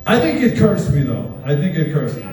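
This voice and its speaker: A man's voice: a little high, very animated, fairly quick, darkish tone. A man doing a crude, self-mocking stand-up set, telling stories and laughing along. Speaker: stand-up comedian. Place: large hall with live audience. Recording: echoey hall, from far off.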